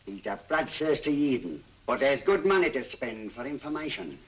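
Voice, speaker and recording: Man acting a shifty go-between, swooping pitch. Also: animated, normal speed, highs cut off, lightly acted. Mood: wheedling. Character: wheedling, shifty Cockney dockside go-between. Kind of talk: 1940s film acting. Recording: hissy 1940s film soundtrack.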